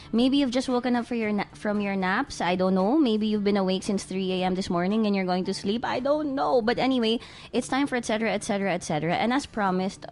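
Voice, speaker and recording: A woman's voice: mid-range voice, darkish tone. A woman hosting a radio talk show in a studio, chatting casually and rambling with fillers and restarts.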